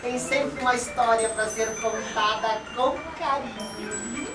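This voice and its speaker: A woman playing a kindly old storyteller who tells children a tale in a slow, tender, folksy way on stage. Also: on the high side, steady tone. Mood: tender, nostalgic. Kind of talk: theatrical storytelling. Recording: echoey theatre, distant mic, music behind.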